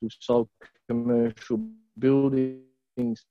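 A man's voice: little pitch movement, drawn-out words. Give me an Australian man on a dull, lo-fi call line that is breaking up and dropping out. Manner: loose, rambling pitch talk with restarts. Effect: call audio breaking up and dropping out. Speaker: real estate company co-founder, guest. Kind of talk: casual business interview over a remote call. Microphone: remote call.

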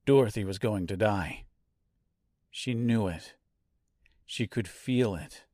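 A man's voice: lowish voice, slow, a little mellow, no room sound, studio quality. A man reading a novel aloud as scripted narration, drawing out key words for drama. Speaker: audiobook narrator.

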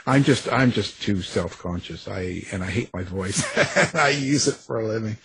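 A man speaking casually in conversation, in an earnest and slightly halting way. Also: on the low side, lively intonation, a bit bright, husky, no echo.

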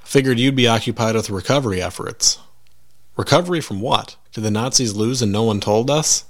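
A man voicing a gruff male soldier who leads a squad on the run and gives blunt, folksy orders. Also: medium pitch, fairly quick, lightly acted. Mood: wry.

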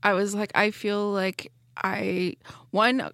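A woman's voice: mid-range voice, flat delivery, slow pace, a bit bright, no room sound, studio quality. A woman in her mid thirties co-hosting a podcast, talking in an earnest, rambling, self-deprecating way. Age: 30s. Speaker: podcast co-host. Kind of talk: casual chat. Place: studio.

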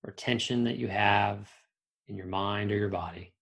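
A man leading a guided meditation in a soothing voice, speaking slowly with long pauses. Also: on the low side, steady tone, vocal fry, fairly bright tone.

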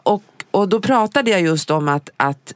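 A woman author co-hosting a podcast, explaining her ideas in a thoughtful, measured casual chat. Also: fairly low pitch, lively intonation, dry recording. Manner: thoughtful, measured, says "liksom" often.

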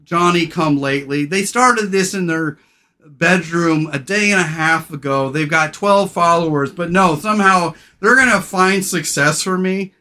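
A man hosting a podcast, brash and irreverent, loud radio-style delivery that drops to low, slow, soft talk when sincere. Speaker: podcast host. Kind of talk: casual podcast chat.

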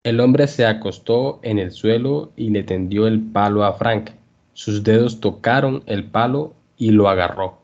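A male language teacher reading a story aloud for learners, clear and measured. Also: lowish voice, a little mellow. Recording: dull lo-fi podcast audio.

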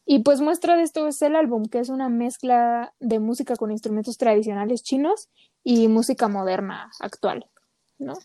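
A woman's voice: on the high side, normal speed, warm tone, no room sound. A woman co-hosting a casual podcast chat, talking with lots of fillers. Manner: chatty, many fillers. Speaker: podcast co-host.

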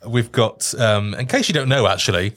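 Animated British man hosting a podcast. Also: medium pitch, moderate pace. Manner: teasing. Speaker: podcast host. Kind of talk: casual chat, bantering.

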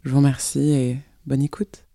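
A woman hosting a podcast, reading a calm, measured scripted intro. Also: extremely low pitch, vocal fry, dry recording, clean studio sound. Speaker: podcast host.

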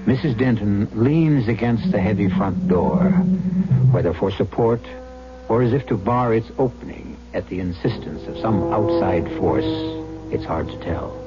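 Deep-toned man narrating radio suspense over music. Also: expressive, unhurried. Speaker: host and narrator. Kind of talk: dramatic scripted radio narration. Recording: dull old radio broadcast.

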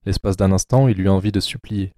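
Deep, dark-voiced male narrator. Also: fairly even intonation, a little fast, dry recording, studio quality. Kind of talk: scripted audiobook narration.

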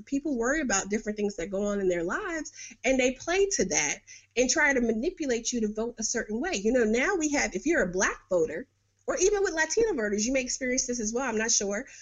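A middle-aged woman from New York hosting a podcast, giving blunt, sarcastic political commentary with frequent laughs. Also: fairly high pitch. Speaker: podcast host. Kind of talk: casual political commentary monologue.

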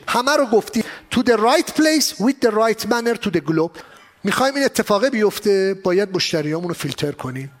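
A man giving an animated seminar lecture on exporting, asking rhetorical questions and mixing in English phrases. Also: sits high. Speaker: export trainer. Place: exhibition hall.

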